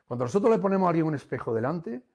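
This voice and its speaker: A man giving a webinar lesson, animated and emphatic, swinging between loud and soft and repeating key phrases. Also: on the high side, racing, vocal fry, husky. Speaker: webinar instructor. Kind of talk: lecture on conflict resolution. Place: online webinar.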